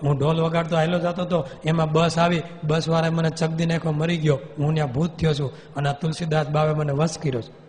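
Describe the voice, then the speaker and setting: A man's voice: a little high, flat delivery, fairly quick, darkish tone, close to an everyday voice. A man voicing the ghost of a village drummer who possesses a devotee and stammers over holy names. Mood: mournful. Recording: long hall reverb.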